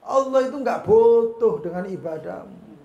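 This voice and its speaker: A man's voice: sits high, expressive, moderate pace, creaky, warm tone, muffled recording, voice pushed up. A man voicing a tempting male devil who mocks and coaxes in a sermon story. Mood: taunting. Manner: mocking, coaxing. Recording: echoey room.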